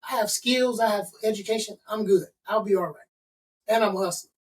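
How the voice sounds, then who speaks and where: Being interviewed, a middle-aged Chicago man who works as a consultant and author stacks up points in lists with a motivational, emphatic energy. He pitches high and talks fairly quickly, and the low-quality recording catches him from far off the mic.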